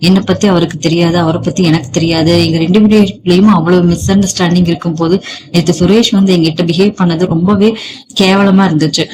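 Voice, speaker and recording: Defiant young married woman, sharp and scolding, voiced by the narrator in a read story. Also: medium pitch, fairly even intonation, quick pace, noisy background, close to an everyday voice. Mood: hurt, indignant.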